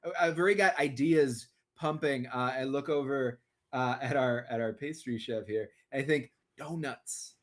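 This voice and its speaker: A man's voice: medium pitch, normal speed, hardly any pauses, a bit bright. A man playing a tabletop game, enthusiastic and joking, with stammering restarts. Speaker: player. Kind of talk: in-character tabletop role-play.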